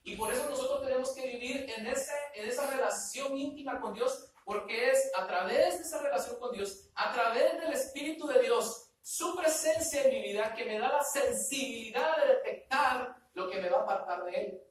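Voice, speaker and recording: A man's voice: very high voice, moderate pace, hardly any pauses. A male pastor, preaching a sermon in a church, emphatic, often asking the congregation questions and repeating words for stress. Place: church sanctuary. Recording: echoey hall, picked up from far off.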